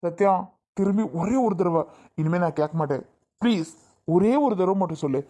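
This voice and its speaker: A woman's voice: lowish voice, normal speed, dark tone, lightly acted. A woman playing an eager young husband who keeps pleading and repeating himself insistently. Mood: overjoyed. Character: eager young husband, anxious then overjoyed. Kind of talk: Tamil family skit acting.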